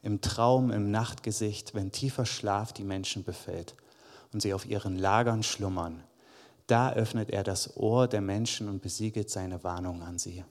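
A man's voice: lowish voice, steady tone, unhurried. A man giving a conversational sermon to a congregation, reading Bible verses aloud. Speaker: preacher. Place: church hall. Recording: long hall reverb.

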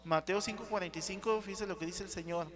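A man's voice: high-pitched, fairly even intonation, fast talker. A man preaching a sermon, often asking the congregation "sí?" and calling them brothers. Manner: calls out to the congregation with frequent "sí?" and "hermanos". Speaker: pastor. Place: church hall. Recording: reverberant church hall with congregation.

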